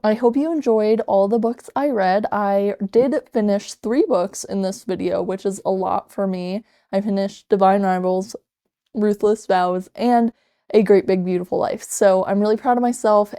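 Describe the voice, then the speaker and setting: A woman in her twenties talks casually to her followers as a book vlogger. Her voice is smooth and warm, sitting at a medium pitch. She speaks conversationally, dropping in small asides as she goes. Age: 20s. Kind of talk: casual chat to camera.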